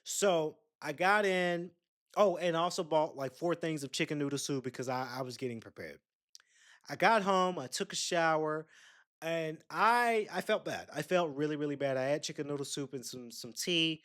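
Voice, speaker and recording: With a fairly high, fairly bright voice at a moderate pace, a young podcast host rambles through a chatty story, talking straight to his listeners and dropping in asides.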